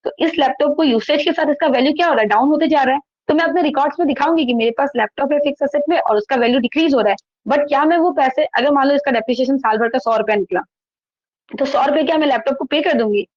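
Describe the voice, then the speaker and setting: Woman teacher, online accountancy lecture, explanatory, asks and answers herself, slightly high, dull laptop mic, dry. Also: quick pace, darkish tone, dry recording. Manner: explanatory, asks and answers her own questions, frequent "theek hai". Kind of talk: online class lecture, reading textbook lines then explaining. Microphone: laptop microphone.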